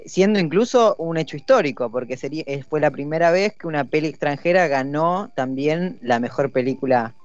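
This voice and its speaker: A little high and a little fast, the Argentine host's voice has lively intonation and few pauses as he jokes through a relaxed podcast conversation full of filler sounds. The recording is dry, dull, and lo-fi, with faint music.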